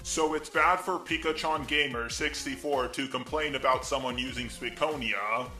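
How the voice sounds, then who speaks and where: Bright, echoey robot voice of a male commentator. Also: mid-range voice, normal speed, faint music behind. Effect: robotic text-to-speech voice. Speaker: commentary YouTuber. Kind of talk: online commentary clip.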